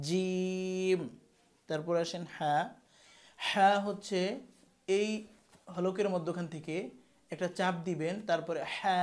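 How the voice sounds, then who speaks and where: Man teaching letter sounds slowly, patiently. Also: high voice, darkish tone. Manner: slow, demonstrative, repeats each sound emphatically. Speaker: Quran teacher. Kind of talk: pronunciation lesson.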